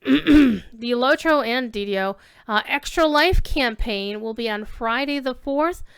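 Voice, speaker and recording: Hosting and reading on a relaxed livestream, a woman speaks in a high, smooth and very clear voice. Her talk to viewers wanders informally from thought to thought, warm and effusive in phrasing.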